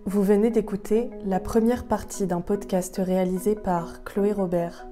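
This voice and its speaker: A woman with a mid-range voice hosts a podcast, speaking steadily and evenly. Music plays clearly underneath her. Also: mid-range voice, steady tone, unhurried. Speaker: podcast host. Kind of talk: interview questions and outro.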